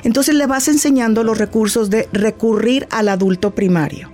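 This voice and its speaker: A woman's voice: a little high, fairly even intonation, normal speed, soft background music. A middle-aged woman, a grief therapist, explaining patiently and acting out little talks with a child. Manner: warm, didactic, acts out little dialogues with a child. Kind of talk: explanatory interview talk.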